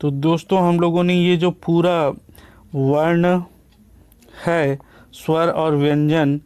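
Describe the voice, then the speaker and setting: A man teaching a lesson, asking questions aloud and answering them himself, often checking in with a quick "okay". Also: a little high, level tone, a little mellow, smooth. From India. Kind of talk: classroom lecture.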